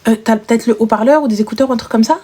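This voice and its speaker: A woman's voice: a little high, racing, a little mellow. A young woman hosting a live call-in stream, speaking bluntly and teasing her callers. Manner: blunt, teasing, switches into exaggerated mother voices. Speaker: live stream host taking calls. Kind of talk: casual live call-in chat.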